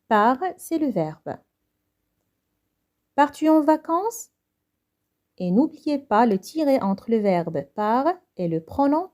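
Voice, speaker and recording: A woman's voice: a little high, dark tone. A young woman with a Moroccan accent teaching a French grammar lesson, who explains each point and then repeats it in Moroccan Arabic.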